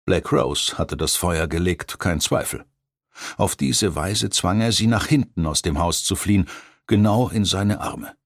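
A man narrating a thriller audiobook in a measured, even storytelling voice. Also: low-pitched, no echo, studio quality. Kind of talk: scripted narration.

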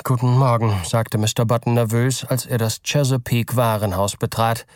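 A man reading a chapter of a story aloud as the narrator, in an even, measured way. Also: medium pitch, no room sound, clean studio sound. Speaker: audiobook narrator. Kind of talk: scripted narration.

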